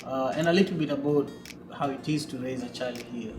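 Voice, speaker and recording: A man from Kenya, hosting an interview in a relaxed way, with lots of "you know"s. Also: medium pitch, fairly quick. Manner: relaxed, filler-heavy, many "you know"s. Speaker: podcast host. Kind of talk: casual interview. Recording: echoey room with guitar music behind.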